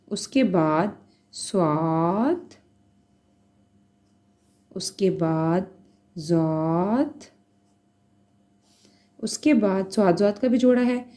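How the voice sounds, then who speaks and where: A woman teacher takes a beginner class through its letters slowly and patiently. She names each one, then checks that the listener is following. Her voice is soft and mellow, and her pace is unhurried. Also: on the high side. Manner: spells out letters one by one, checks in with "theek hai". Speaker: Urdu teacher. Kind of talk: slow, patient beginner lesson.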